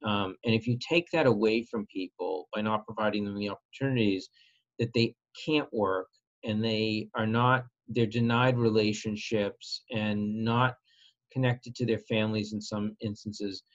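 Earnest advocate guy in an interview, measured, restarts his sentences, kinda muffled lo-fi sound. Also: lowish voice, steady tone. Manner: earnest, measured, repeats opening words. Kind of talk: conversational interview. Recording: slightly dull lo-fi sound.

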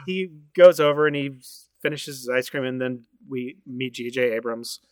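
A man's voice, close and dry with no room sound, recounts a story as a podcast guest. He speaks at a medium pitch. His pace is unhurried and filled with small hesitations. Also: steady tone, a little mellow, no echo. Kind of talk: casual anecdote telling.

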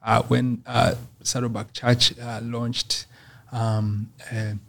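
A middle-aged man with a Rwandan accent, speaking as an interview guest in a measured way with many fillers. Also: medium pitch, little pitch movement, gravelly, a bit bright. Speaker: church missions coordinator.

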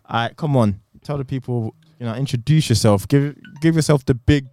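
A man's voice: medium pitch, fairly quick, mellow, dry recording, soft background music. Male podcast host, casual banter, very dry close recording.

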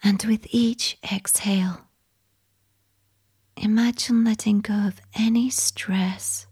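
A woman telling a sleep story in a soft, soothing unvoiced whisper, guiding relaxation. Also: medium pitch, fairly even intonation, takes it slowly, slightly rough.

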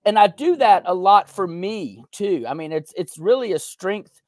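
Here a young male podcast guest, who is both a veteran and a content creator, talks earnestly and reflectively in a candid interview, often dropping in "you know." He sounds high-pitched and animated, a little mellow, at a normal speed. It's a dry, clean studio recording.

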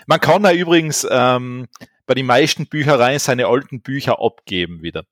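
A man's voice: mid-range voice, lively intonation, normal speed, fairly bright tone, no echo. A man chats casually and hands out blunt advice in an ordinary mid-range voice. His microphone is overdriven, so every phrase clips and distorts. The sound is dry and close, with no room around it. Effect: clipping distorted mic. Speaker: podcast co-host. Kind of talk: casual chat.

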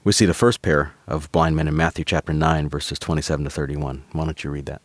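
A man's voice: rumbling low, steady tone, quick pace, no echo. A man, a pastor and author, guesting on a faith podcast, explaining scripture in an enthusiastic conversational way. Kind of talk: conversational teaching.

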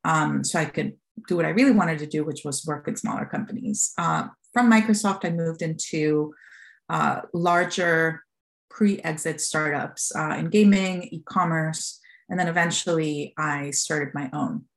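A woman's voice: low-pitched, unhurried, vocal fry. A woman in her forties from Costa Rica, a fund founder telling her story as a podcast guest in a candid, filler-filled way. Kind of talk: podcast interview.

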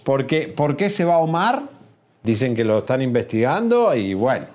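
A man's voice: mid-range voice, very animated, normal speed, darkish tone. Joking man co-hosting gossip. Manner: jokey, storytelling. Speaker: co-host of a gossip show. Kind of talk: casual chat.

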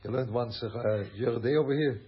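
A man's voice: mid-range voice, brisk, dull audio. A man from Switzerland teaching a Torah class, talking animatedly, repeating phrases and mixing in Yiddish and German words. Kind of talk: Torah lecture.

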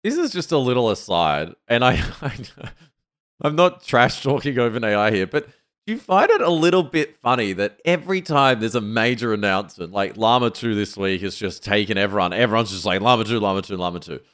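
A man co-hosting a podcast, speaking in a relaxed, measured way in casual conversation. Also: mid-range voice. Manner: relaxed, measured, reads out quotes. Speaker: podcast co-host. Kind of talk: casual tech chat.

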